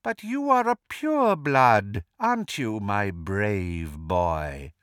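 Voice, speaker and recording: A man voicing a cold, mocking dark wizard lord in an audiobook, with a soft, silky hiss and slow, pompous menace. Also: on the low side, sing-song, clear, resonant tone, no echo, clean studio sound, exaggerated voice.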